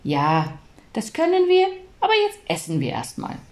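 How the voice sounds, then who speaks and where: A woman voicing a kind, cheerful young mother in a storybook reading, bright and coaxing. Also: fairly high pitch, big pitch swings, moderate pace, voice pushed up.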